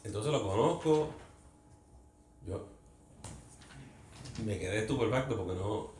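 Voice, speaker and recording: A man's voice: lowish voice, animated, slow pace, darkish tone, a little hiss or hum. A man leading a Bible study in a conversational teaching style, earnest, asking the group questions and slipping English words into his talk. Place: church meeting room. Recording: echoey room with faint ambience.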